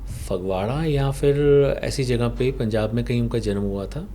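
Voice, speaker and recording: Punjabi guy telling a client story on a podcast, slow and explainy, mid pitch, bit of background hiss. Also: dark tone. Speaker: past life regression therapist. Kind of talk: podcast interview, recounting a client session.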